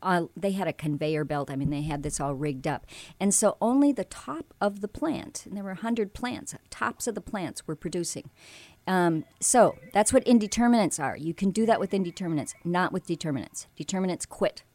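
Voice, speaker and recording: A woman's voice: on the low side, animated, moderate pace, a little mellow, dry recording. A woman from Alaska explaining how to grow and prune tomatoes in a casual, explanatory way, with frequent ums and self-corrections. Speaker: gardening expert guest. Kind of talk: casual radio gardening advice.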